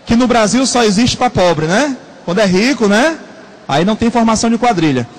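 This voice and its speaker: High-voiced male teacher lecturing. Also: lively intonation, big-room sound, rough recording. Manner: repeats terms slowly for note-taking, asks the class questions. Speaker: Portuguese teacher. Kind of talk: classroom lecture.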